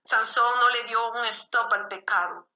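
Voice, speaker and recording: A woman preaches as pastor in a sharply bright, fairly high voice. She keeps breaking in with short exclamations of praise between her points. The sound is roomy and slightly dull. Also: steady tone, measured pace. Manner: peppers speech with "gloria a Dios" exclamations. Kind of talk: sermon.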